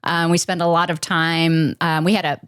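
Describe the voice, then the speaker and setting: Podcast guest, woman, middle-aged, slightly low voice, reflective and halting, dry close mic. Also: level tone, fairly bright tone, clean tone, no room sound. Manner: reflective, halting, many fillers. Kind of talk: personal storytelling in an interview.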